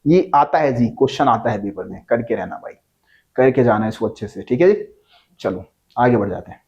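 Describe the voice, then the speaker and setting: A man with a medium-pitched, darkish voice and lively intonation teaches an exam-prep lesson at a fairly quick pace, though the recording sounds muffled. His style is conversational: he keeps checking in with "ठीक है जी," repeats the key points, and poses questions that he then answers himself.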